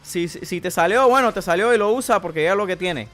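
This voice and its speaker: A joking, slangy Miami guy with a thick Cuban Spanish accent, as a streamer puts him on, crude and casual as he walks through his cards. The voice sits fairly high for a man. Faint guitar music plays behind. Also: fast talker, a bit bright. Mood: playful. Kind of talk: casual game commentary.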